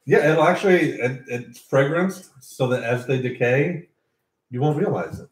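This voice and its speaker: A man playing a party game with friends, giving a mock-serious, matter-of-fact pitch for a joke product. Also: normal speed. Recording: roomy echo.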